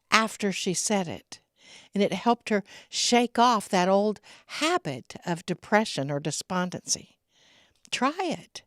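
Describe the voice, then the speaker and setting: Slow, lively-voiced woman giving a spiritual talk. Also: mid-range voice, dry recording, studio quality. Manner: slow, reflective, laughs between stories.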